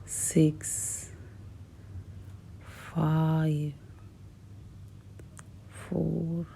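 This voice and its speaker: A woman speaks as a hypnotist, very slowly and in an even, low-key tone. Her breathy voice often sinks toward a whisper and repeats soothing suggestions with long pauses. A faint hiss sits behind her. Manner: hushed, repetitive, measured delivery with long pauses. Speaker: hypnotist guiding a relaxation session. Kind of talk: slow, soothing guided hypnosis.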